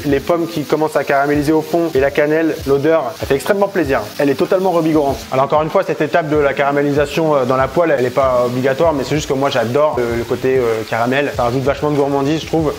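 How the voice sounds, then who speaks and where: A man's voice: fairly high pitch, fast, hardly any pauses, a little hiss or hum. A man hosting a casual cooking tutorial in a home kitchen, playful, jokey and chatty. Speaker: cooking vlogger.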